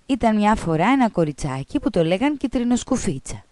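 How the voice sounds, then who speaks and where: A woman with a Greek accent, reading children's stories with a co-host on a radio show in a playful, animated way. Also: mid-range voice, no echo. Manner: animated, playing a scolding teacher's lines.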